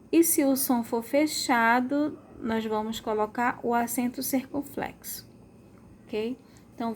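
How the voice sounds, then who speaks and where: A woman's voice: fairly high pitch, a little mellow, slight background noise. A woman teaching a remote school lesson, stretching out words to model their sounds and checking in with pupils often.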